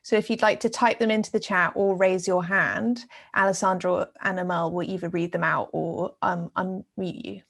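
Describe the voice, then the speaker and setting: A woman host opening an online event, giving a brief halting welcome with fillers over a video call. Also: on the low side, fairly even intonation, creaky, a bit bright. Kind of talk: opening announcement.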